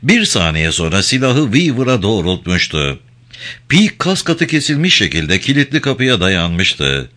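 A man narrating an audiobook with a dramatic, expressive reading. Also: on the low side, unhurried. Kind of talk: scripted narration.

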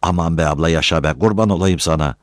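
A man voicing a loud, greedy, simple-minded village man with a thick voice. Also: low voice, quick pace, no echo, clean studio sound, lightly acted. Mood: wheedling. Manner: shouting, wheedling.

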